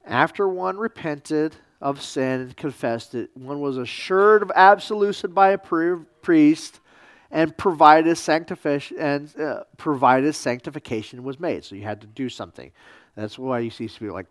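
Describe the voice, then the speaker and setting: With a fairly high-pitched voice, this male pastor gives a casual church history lecture, stumbling over ums and slipping in dry, sarcastic remarks. The sound is clean studio audio with no room sound at all.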